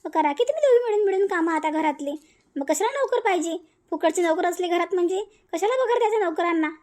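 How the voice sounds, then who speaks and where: A woman voicing a bold, sharp-tongued young daughter-in-law in a cartoon, taunting and defiant. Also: very high voice, lively intonation, fast talker.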